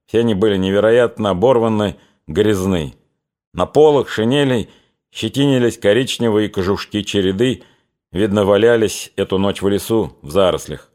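A man with a fairly low voice reads literary prose aloud as an audiobook narrator. His delivery is measured and expressive.

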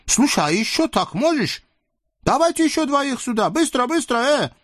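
A shrill, squealing sultan, greedy and fickle as a spoiled child. He wheedles and exclaims with a drawn-out "eh", his voice leaping high and dry. The tone is husky at the edges. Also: very animated, a bit bright, no room sound, heavily acted. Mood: indignant, delighted.

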